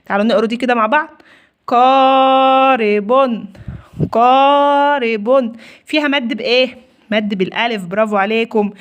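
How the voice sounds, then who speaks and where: A woman with an Egyptian accent teaches a children's reading lesson in a somewhat high voice. She patiently asks questions and answers them herself. She stretches each word slowly as she sounds it out. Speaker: primary school teacher.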